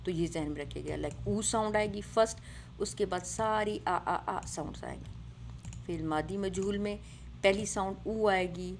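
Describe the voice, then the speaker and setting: A woman's voice: mid-range voice, slight background noise. A woman teaching an Arabic grammar lesson, explaining patiently, mixing in English words and often checking with "right?".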